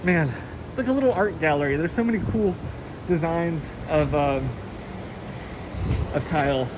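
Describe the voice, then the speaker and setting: A woman whose voice sits low and moves at a moderate pace chats enthusiastically through a casual tour of a large warehouse, using many fillers. A handheld phone camera records her as she walks, picking up noisy warehouse ambience.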